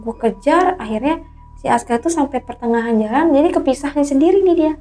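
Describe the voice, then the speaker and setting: A woman recounting her own eerie hiking experience as a guest, in casual, animated storytelling that keeps quoting others in quick dialogue. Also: high-pitched, faint music behind.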